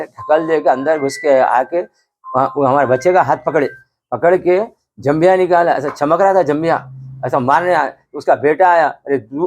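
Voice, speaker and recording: A man's voice: fairly high pitch, a little mellow, a little hiss or hum. An older man with a Hyderabadi accent, vividly recounting events in a news interview. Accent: Hyderabadi Hindi. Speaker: interviewee, family member. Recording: slightly dull, lo-fi sound.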